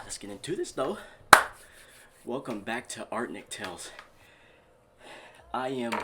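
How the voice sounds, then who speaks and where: A man's voice: medium pitch, background noise, lightly acted. A man playing a boastful self-proclaimed relationship doctor in a comedy sketch, rambling and repeating himself. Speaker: comedic YouTube host in character.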